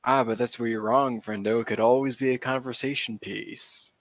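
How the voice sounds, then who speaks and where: A man's voice: medium pitch, steady tone, moderate pace. Wry man joking at the game table. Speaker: player. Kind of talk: casual chat at a tabletop game.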